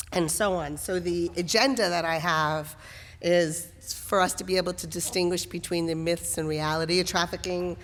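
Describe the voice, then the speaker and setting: A woman with a hoarse voice gives an informal, conversational training talk to a group as guest speaker. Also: fairly low pitch. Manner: conversational, with asides. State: hoarse from a passing cough. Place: church hall. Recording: echoey hall, long reverb.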